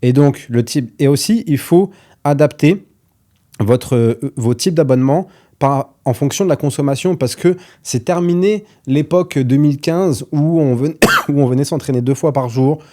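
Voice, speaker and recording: A man's voice: on the high side, normal speed, warm tone. A man coaching gym owners on running their business, talking bluntly and casually and swearing freely. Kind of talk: direct-to-camera advice video.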